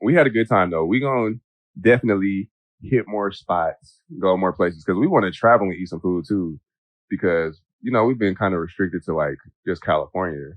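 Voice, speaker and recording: A man's voice: sits low, normal speed, no room sound, dull audio. A man co-hosting a podcast, casually joking with his partner about their trip. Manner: joking, animated storytelling. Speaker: podcast co-host. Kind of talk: casual couple chat.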